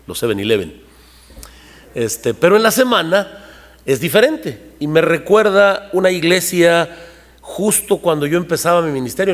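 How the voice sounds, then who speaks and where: A man's voice: medium pitch, in a large hall. A man preaching a sermon to his congregation, talking conversationally and asking them rhetorical questions. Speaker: pastor. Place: church hall.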